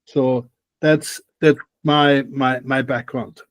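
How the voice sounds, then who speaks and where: Speaking slowly in a mid-range voice with fairly even intonation, an older Austrian-accented man from Austria gives interview answers as a guest expert. He's on a video call in a home room, answers thoughtfully and often restarts sentences, with no echo.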